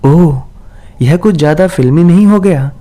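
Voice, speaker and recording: A man playing a friendly young office worker in a spoken horror story. He sounds light and teasing, with a mellow, fairly high voice. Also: normal speed, natural voice. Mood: amused. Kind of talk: storybook character voice.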